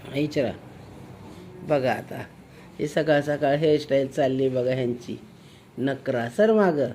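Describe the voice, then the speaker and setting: A woman's voice: sits low, dark tone, a little hiss or hum. A woman filming a home video on a handheld phone, coaxing and teasing a child, with frequent exclamations. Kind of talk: casual home video chat.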